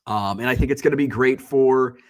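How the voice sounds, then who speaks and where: A little fast and medium in pitch, a congested man talks alone on his livestream. He keeps it casual and blunt, wandering from point to point and swearing without restraint.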